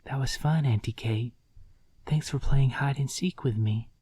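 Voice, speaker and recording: A man's voice: mid-range voice, a little slow, warm tone, far from the mic, slight background noise, voice pushed up, lightly acted. A man voicing a small, playful, eerie little girl in a horror story, sweet in manner. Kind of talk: acted dialogue in horror story narration. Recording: music behind the voice.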